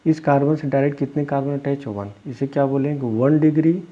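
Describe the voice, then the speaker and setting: Male chemistry teacher, husky tone, patient step-by-step lecturing, muffled lo-fi sound. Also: medium pitch, steady tone, brisk. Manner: explains step by step, asks students questions and answers them himself; calls students "beta". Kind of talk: classroom lecture. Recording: dull lo-fi recording.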